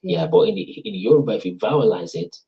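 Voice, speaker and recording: An African man hosts a casual talk explaining links between languages, speaking quickly in a gravelly, medium-pitched voice with big pitch swings. He teaches as he goes, tagging points with "right?" and "you see," over a background crowd on a dull lo-fi recording.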